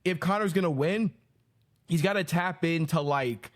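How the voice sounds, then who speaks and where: A man, co-hosting a casual podcast chat in a rambling, animated way with lots of fillers. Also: on the high side, normal speed. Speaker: podcast co-host.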